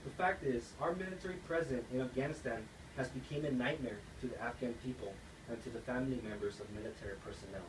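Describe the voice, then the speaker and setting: Speaking fast with hardly any pauses, this young adult man from the US delivers an earnest persuasive speech in the manner of a class assignment read aloud. His pitch is medium. The audio comes from a distant mic in an echoey, noisy room.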